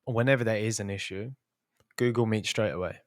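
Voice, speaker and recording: A man's voice: on the low side, fairly quick, no echo, studio quality. A man co-hosting a casual podcast chat who drags out key words for emphasis. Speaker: podcast co-host.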